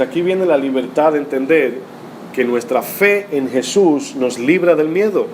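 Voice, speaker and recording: A man's voice: fairly high pitch, a little mellow, a little hiss or hum. A male pastor preaching a sermon in a teaching tone, often asking rhetorical questions and reading scripture aloud. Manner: rhetorical, teaching tone with frequent "¿verdad?" tags.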